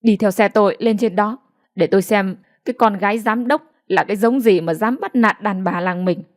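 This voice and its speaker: Vai: một phụ nữ đọc ông chú làng nóng nảy, hô hào giận dữ. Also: female voice, medium pitch, normal speed, natural voice. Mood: furious. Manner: angry and rallying. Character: hot-tempered middle-aged village uncle.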